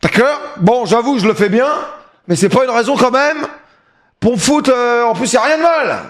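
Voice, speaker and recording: Excitable high-voiced male streamer. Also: normal speed. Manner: excitable, loud outbursts, joking. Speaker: live streamer. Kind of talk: casual live-stream chat.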